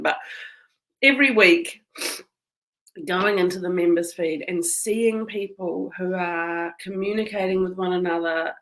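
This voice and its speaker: Kiwi woman, community manager talking straight to her members, earnest and emotional, bit of a gravelly fry in the voice. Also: lowish voice, a bit bright, rough recording. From New Zealand. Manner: emotional, earnest, tearful at times. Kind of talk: heartfelt personal address to camera.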